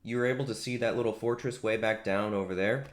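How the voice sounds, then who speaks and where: A man's voice: fairly low pitch, fairly even intonation, a little fast, slight background noise. A young man narrating as game master, casually explaining rules and laughing easily.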